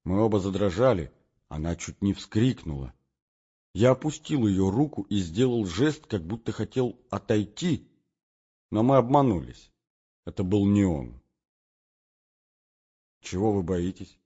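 Man narrator, low husky voice, lively melodic delivery, dull recording. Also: a little slow. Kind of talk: literary audiobook reading.

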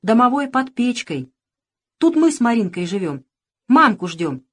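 A stubborn little village boy from a storybook who tries to sound gruff and grown-up, as a woman reader puts him on. The voice sits higher than her plain reading and stays insistent. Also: very animated, unhurried. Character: small boy hiding in a stove, stubborn.

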